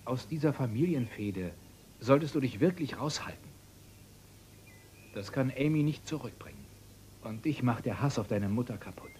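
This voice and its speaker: An actor voicing a middle-aged father in a dubbed soap opera, earnest and fatherly. His delivery rises and falls in a lively way, with a faint hiss in the background. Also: medium pitch, normal speed, long pauses, lightly acted.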